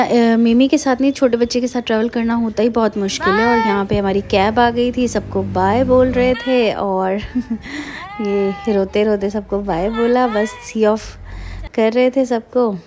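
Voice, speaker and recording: A woman's voice: fairly high pitch, dark tone, a little hiss or hum. A woman narrating a casual travel vlog as a mother, talking in a chatty way with many fillers and English words mixed in. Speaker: vlogger mother.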